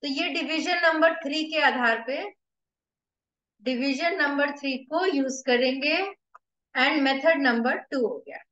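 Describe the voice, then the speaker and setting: A woman with an Indian accent teaches a lesson, her voice set high and her delivery unhurried as she walks through each step. The sound is roomy with a noticeable echo and a somewhat dull, muffled quality. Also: a bit bright. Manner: explains step by step, mixing Hindi and English, slow and deliberate. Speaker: acupressure teacher. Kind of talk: whiteboard lesson. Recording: echoey room, slightly dull.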